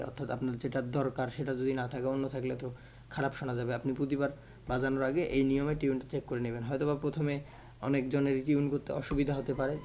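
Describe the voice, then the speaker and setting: A man's voice: mid-range voice, mellow, a little hiss or hum. A man giving a patient instrument lesson, counting the beats aloud over and over. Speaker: music teacher.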